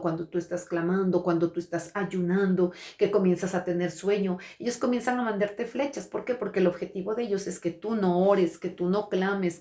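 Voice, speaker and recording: A woman's voice: medium pitch, a little mellow. Earnest woman pastor preaching in an echoey room. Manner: hesitant, restarts and repeats words; earnest preaching, addresses listeners directly. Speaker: pastor and prophet. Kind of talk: testimony sermon. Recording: roomy echo.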